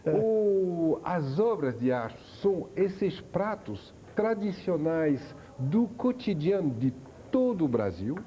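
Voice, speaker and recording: A man's voice: on the high side, big pitch swings, slow, dark tone, slight background noise. A man from France, a chef guest on a TV talk show, telling his story with enthusiasm. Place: TV studio.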